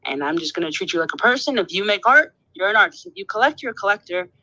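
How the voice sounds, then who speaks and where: Bubbly young man, bright voice. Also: high-pitched, lively intonation, poor audio. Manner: bubbly and fast, laughs often, many "like"s. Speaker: artist guest. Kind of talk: casual chat on a podcast.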